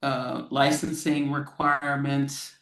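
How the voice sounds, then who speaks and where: An American woman from Florida, a lawyer speaking as a guest and explaining things slowly and plainly for English learners over a video call. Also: very deep voice, level tone, a bit bright, echoey room, poor audio. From Florida, United States. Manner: measured, explains terms plainly.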